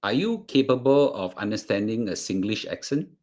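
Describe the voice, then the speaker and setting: A lowish, darkish male voice with lively intonation belongs to a Singaporean-accented course presenter speaking casually to a live class. He is halting, restarting, repeating words and using fillers.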